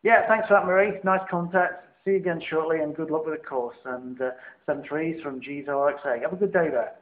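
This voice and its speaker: A man's voice: a little high, brisk, phone-quality sound. Middle-aged Northern English male ham operator, chatty, phonetic call signs, thin audio with faint hiss. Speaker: amateur radio operator. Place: indoor room at home.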